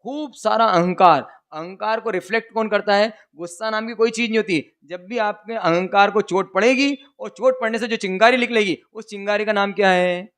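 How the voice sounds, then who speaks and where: A male preacher delivering a sermon full of stories and questions to the audience. His voice sits high in pitch, and at times he chants vows in a rhythmic recitation. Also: normal speed, few pauses, clear, resonant tone. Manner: lively, asks the audience questions. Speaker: religious preacher. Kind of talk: sermon with storytelling.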